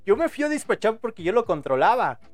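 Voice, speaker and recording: Rambling high-voiced Mexican man. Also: very animated, quick pace, faint music behind. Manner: rambling, crude slang, frequent repeated words and restarts. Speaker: podcast host. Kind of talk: casual live podcast chat.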